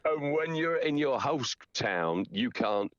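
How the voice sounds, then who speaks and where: A middle-aged man chatting casually as an interview guest, telling anecdotes in an animated, storytelling way. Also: medium pitch, slow pace, no echo, muffled recording. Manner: chatty, animated storyteller who acts out quotes. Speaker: interview guest, champion town crier.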